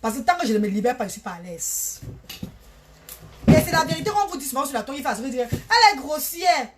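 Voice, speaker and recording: A woman's voice: sits high, sing-song, quick pace, a loud crowd. A woman, talking bluntly and repetitively in a casual live stream, often addressing listeners as "maman". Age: 30s.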